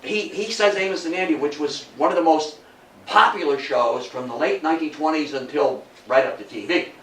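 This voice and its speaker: Talking a little fast in a fairly high, fairly bright voice, an older man gives an informal history lecture to an indoor audience, folksy and chatty, with rhetorical questions for his listeners. A distant mic makes it sound roomy, with faint noise.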